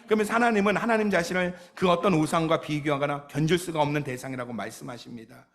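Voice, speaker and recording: A man's voice: on the high side, quick pace. A male pastor preaching a sermon, telling stories with emphasis and light humor.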